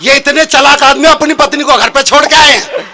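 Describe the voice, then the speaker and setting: A young man telling a comic story on stage as a comic poet, animated and shouting out his punchlines. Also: extremely high pitch, normal speed. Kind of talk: live humorous storytelling on stage. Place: stage at a poetry gathering.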